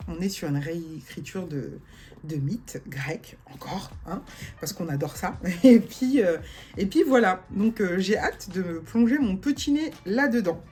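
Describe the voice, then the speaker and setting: A woman's voice: fairly low pitch, expressive, unhurried, mellow. A young woman chatting casually about books she bought, with lots of fillers and frequent giggles. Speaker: book vlogger. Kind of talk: casual book haul chat.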